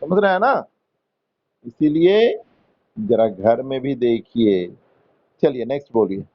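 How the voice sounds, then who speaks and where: A man with an Indian accent teaching English grammar in a classroom, slowly coaxing students to answer and explaining rules in Hindi mixed with English terms. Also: medium pitch, animated, highs cut off. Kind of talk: classroom lesson.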